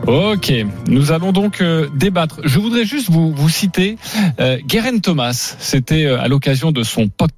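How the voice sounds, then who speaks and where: A man hosting a sports talk radio show in a studio, lively and self-mocking. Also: fairly high pitch, unhurried, soft background music.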